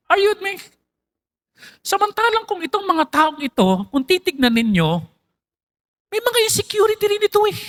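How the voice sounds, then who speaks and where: Animated high-voiced Filipino pastor preaching. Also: male voice. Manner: mixes Tagalog and English, asks the congregation questions; animated, jumps in pitch for emphasis. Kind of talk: sermon.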